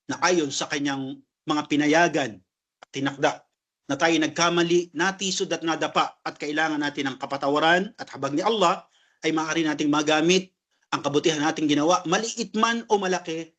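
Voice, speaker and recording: A man teaching a religious class, explaining each term as he goes and often checking in with a quick "no?". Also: on the high side, a bit bright. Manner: explains terms, tags sentences with "no?". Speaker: Islamic lecturer.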